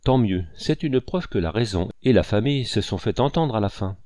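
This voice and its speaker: A man reading an audiobook and voicing a composed, gently ironic young lady of the house. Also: on the low side, animated, normal speed, no room sound, clean studio sound, natural voice. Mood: poised.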